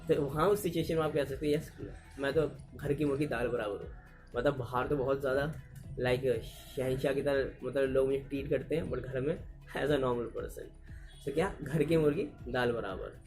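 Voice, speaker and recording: A man's voice: medium pitch, normal speed, darkish tone, soft background music. Indian man teaching English idioms. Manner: mixes Hindi and English, repeats and restarts to explain. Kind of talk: explaining idioms to learners.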